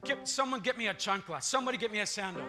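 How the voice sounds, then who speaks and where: A man's voice: high-pitched, expressive, very fast, sharp tone, pitched above the performer's own voice, full character voice. A man voicing a loving but fed-up mother who barks out scolding threats. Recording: long church reverb, faint music.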